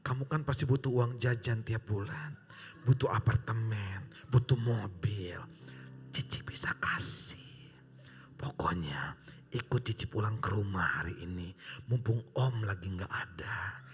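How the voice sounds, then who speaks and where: A man's voice: fairly low pitch, unhurried, soft background music, voice pushed down, close to an everyday voice. A man whispering as a sly older temptress, whispered role-play. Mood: coaxing.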